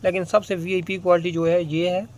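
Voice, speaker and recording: A man's voice: sits high, level tone, fairly quick. A man with a Pakistani Urdu accent walks through his spice stock in casual sales talk, calling out prices over and over. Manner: repetitive price-calling, plain salesman patter. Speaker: spice and dry fruit seller.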